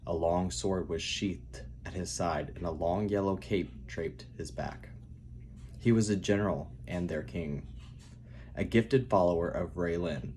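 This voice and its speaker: A man speaking softly and calmly as he reads his own fantasy writing aloud in a quiet narrating style. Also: low-pitched, slight background noise. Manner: quiet, calm, soft-spoken reading. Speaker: writer reading own novel aloud.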